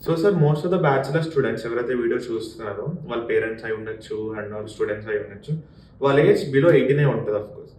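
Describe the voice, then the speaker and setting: A man's voice: mid-range voice, brisk, darkish tone. A man interviewing a guest on a podcast, asking questions politely and addressing him as sir. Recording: roomy, distant mic with faint noise.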